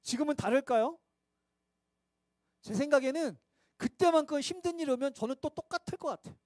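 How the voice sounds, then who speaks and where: A man's voice: extremely high pitch, a little fast, a little mellow, no room sound. A man preaching a sermon as pastor at a midweek church service, conversational and self-mocking, asking his listeners rhetorical questions.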